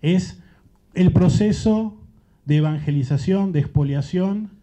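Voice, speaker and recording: A man's voice: high voice, unhurried, mellow. A man from Central America speaking as a panelist, thinking aloud in an earnest, searching way. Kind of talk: reflective panel talk. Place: panel event. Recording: dull muffled event recording.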